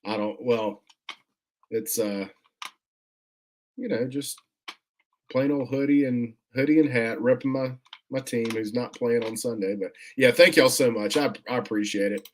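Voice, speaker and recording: A man's voice: mid-range voice, unhurried, pauses often, a little hiss or hum. Easygoing man chatting over an unboxing. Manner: relaxed, rambling, many fillers and restarts; friendly, thanks viewers often. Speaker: comic collector vlogger, host. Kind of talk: casual unboxing chat, reading viewer comments.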